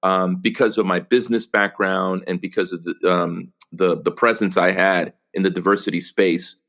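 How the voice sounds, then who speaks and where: A man's voice: low voice, flat delivery, normal speed, vocal fry, a bit bright. A man from El Salvador, a podcast guest talking earnestly about his work, with many fillers and restarts. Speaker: podcast guest, company executive. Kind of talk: casual interview conversation.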